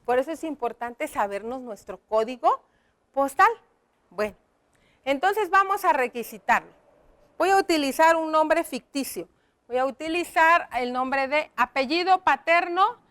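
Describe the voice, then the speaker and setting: Woman teacher, high pitch, slow explanatory delivery for young pupils. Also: animated, a bit bright. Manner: slow, explaining step by step, addressing children. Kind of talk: classroom lesson.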